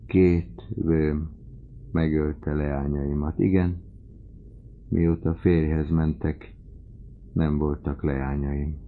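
A man voicing a dying old father in an audiobook, swinging between desperate shouts and faint whispers. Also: extremely low pitch, level tone, pauses often, narrow, tinny audio, a little hiss or hum. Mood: despairing. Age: older. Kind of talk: audiobook character reading.

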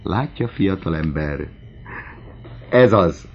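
A man's voice: sits low, animated, slightly rough, exaggerated voice. A man voicing a sly, mocking forty-year-old man with sideburns, on a dull lo-fi recording.

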